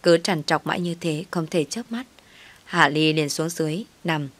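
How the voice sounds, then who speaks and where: A woman narrating a family story in a steady, plain way. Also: low voice, normal speed.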